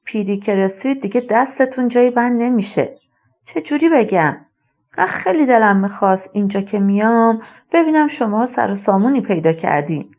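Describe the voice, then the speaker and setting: A woman voicing an elderly retired male colonel, a rambling and wistful father who speaks slowly and musingly. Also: on the high side, expressive, a little mellow, dull audio.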